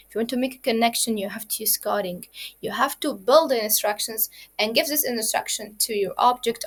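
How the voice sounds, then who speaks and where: In a children's coding lesson, a woman who grew up speaking Arabic explains the basics. She speaks in a slightly high voice, taking each point step by step, repeating it, and using plenty of fillers.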